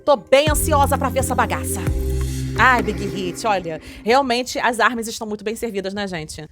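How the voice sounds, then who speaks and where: A young woman with a Brazilian Portuguese accent hosts a casual K-pop news vlog, chatty and excitable, tagging nearly every sentence with a little question. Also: on the high side, normal speed, music in the background. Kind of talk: casual news chat and video reaction.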